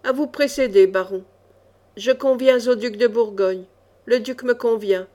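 Cool ironic young male swordsman read by a woman; icy, mocking, unhurried. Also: on the high side, dark tone, close to an everyday voice.

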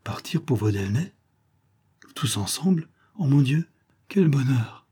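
A man voicing a gentle, eager young woman who speaks breathlessly, with a husky, dark tone. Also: mid-range voice, sing-song, measured pace, exaggerated voice.

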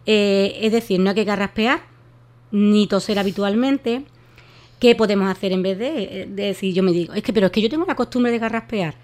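A woman's voice: mid-range voice, normal speed, darkish tone. Woman explaining voice care. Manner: explanatory, many fillers and restarts. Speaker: voice therapist guest. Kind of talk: radio interview advice.

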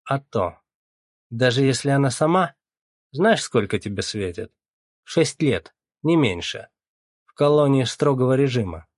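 A man's voice: medium pitch, animated, normal speed, no echo, studio quality, voice pushed up, lightly acted. A man reading the part of a stern police captain, blunt and pressing in his questioning. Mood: threatening. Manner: forceful, interrogating.

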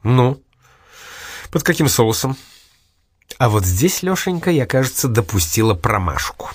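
A man reading aloud and voicing a sly, stubborn young woman, raising his pitch in a coaxing, teasing manner. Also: very animated, unhurried, breathy edge.

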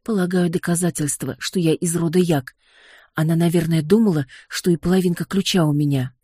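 A reader voicing a sharp-tongued young witch heroine in an audiobook, with indignant quick retorts. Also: fairly low pitch, fairly even intonation, husky, dry recording, clean studio sound. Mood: suspicious.

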